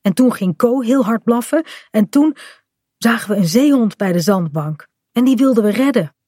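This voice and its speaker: A woman's voice: fairly high pitch, lively intonation, moderate pace, dark tone, no echo, studio quality, voice pushed up. A woman voicing a young boy in a children's storybook reading, a bit grumbly and mumbling. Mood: explaining. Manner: mumbling, slightly sulky. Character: young boy, a bit grumpy, tired rower.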